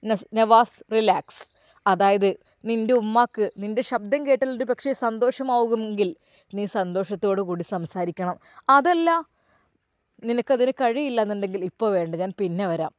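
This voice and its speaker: Woman doing a calm male officer. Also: mid-range voice, moderate pace, no echo, clean studio sound, close to an everyday voice. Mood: reassuring. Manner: reassuring, firm.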